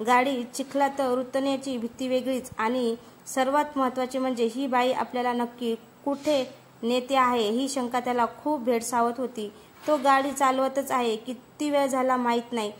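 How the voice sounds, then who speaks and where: A woman storyteller with a high voice reads a horror story. Her narration is steady and suspenseful. There is faint noise behind her. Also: moderate pace.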